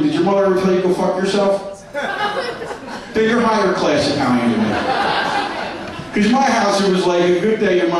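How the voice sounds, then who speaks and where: Male stand-up comic, high-pitched and brash, crude punchlines, echoey club recorded from afar. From New York. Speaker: stand-up comedian. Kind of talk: stand-up comedy set. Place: comedy club stage, live audience. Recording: echoey club heard from a distance.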